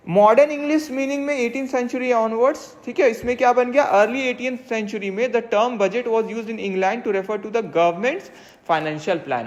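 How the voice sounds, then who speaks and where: A teacher in a steady lecture mode, spelling out each definition slowly before unpacking it. Tag questions keep coming to make sure everyone is following. The voice sits at an ordinary pitch, and a long reverb trails after every phrase. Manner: reads English definitions slowly, then explains them in Hindi; checks understanding with frequent tag questions. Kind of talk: exam-prep classroom lecture. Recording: long reverb, echoey room.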